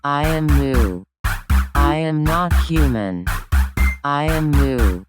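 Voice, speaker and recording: A woman voicing a non-human singer called Moo through a robot voice effect, chanting flat, repetitive lines in an electronic song. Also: deep voice, slow pace, dry recording. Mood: flat robotic. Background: loud electronic house music.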